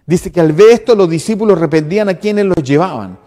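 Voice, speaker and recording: A man's voice: high voice, expressive, brisk, dark tone, big-room sound. A Chilean man in his sixties preaching a sermon as pastor, emphatic and full of repeated lists. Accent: Chilean Spanish. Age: 60s.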